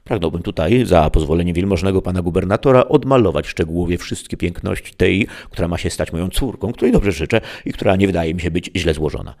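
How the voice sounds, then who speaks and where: A man's voice: low-pitched, fast talker, few pauses, darkish tone. A man voicing a simple, long-winded village peasant who speaks meekly and deferentially. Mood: earnest. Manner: meek, rambling, deferential.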